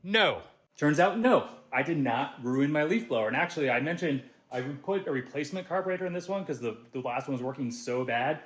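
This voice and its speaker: A man hosting a casual do-it-yourself vlog, talking to himself with excitable, self-mocking energy as he tests his tools. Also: fairly high pitch, a little fast, echoey room. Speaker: DIY video host. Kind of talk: casual vlog narration while testing tools.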